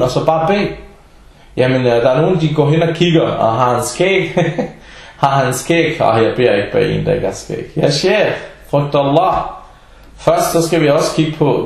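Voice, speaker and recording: A man's voice: on the high side, darkish tone. A man giving an informal religious talk in a blunt, scolding and sarcastic way. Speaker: preacher. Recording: very echoey room.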